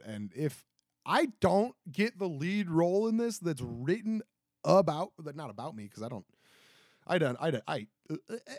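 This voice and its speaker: A man's voice: mid-range voice, a little mellow, no echo, clean studio sound. A young man hosting a casual solo podcast, rambling and self-deprecating with many fillers and restarts. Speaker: podcast host.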